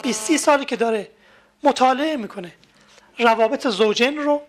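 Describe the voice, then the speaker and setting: A woman giving a lecture on marriage and managing emotions, explaining with everyday family examples. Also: a little high.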